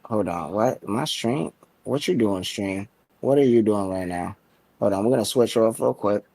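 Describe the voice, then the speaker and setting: A man's voice: lowish voice, normal speed, creaky. Laid-back new guy streaming. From New York City. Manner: laid-back, joking, greets chat loudly. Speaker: streamer guest. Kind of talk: casual chat on a live stream. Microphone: close to the mic.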